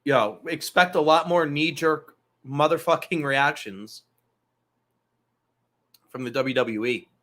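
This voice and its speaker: A man's voice: a little high, slow, long pauses, a bit bright. A man hosting a casual wrestling talk show, loose and profane, rambling through asides. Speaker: podcast host.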